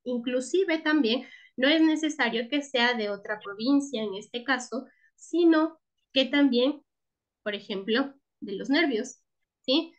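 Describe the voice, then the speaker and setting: A woman's voice: sits high, measured pace. A woman teaching a class, checking in with her listeners again and again and restarting words as she goes. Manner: checks in with frequent tag questions; restarts words and repeats herself. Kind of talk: class lecture.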